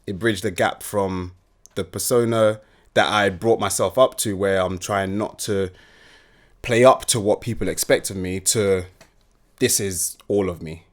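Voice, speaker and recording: A man's voice: fairly low pitch, unhurried. A young man from the UK, a guest chatting casually and animatedly, often laughing. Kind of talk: casual interview chat.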